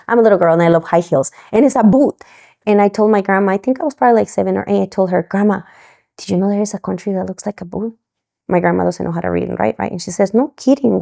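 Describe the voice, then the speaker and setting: A woman from Mexico, a podcast guest, telling her story in a lively way and acting out the voices of the people she quotes. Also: medium pitch, creaky. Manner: animated, acts out quoted voices.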